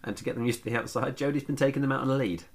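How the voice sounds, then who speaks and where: A man's voice: medium pitch, steady tone, very fast. A British man co-hosting a podcast, chatting and telling anecdotes in a teasing, wry way. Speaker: podcast co-host. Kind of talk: casual banter and anecdotes.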